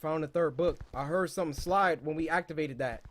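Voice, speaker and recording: A young man giving let's play commentary as a gaming YouTuber, excitable, yelping and shouting at scares, then muttering to himself. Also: on the high side, a little fast.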